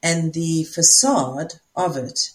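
In a low voice, a woman with a South African accent reflects in casual talk, her manner that of a spiritual teacher who regularly pauses to find what to say.

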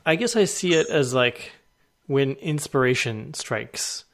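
A man's voice: mid-range voice, expressive, a little slow, a bit bright. Laid-back male podcast host. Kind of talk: casual conversation.

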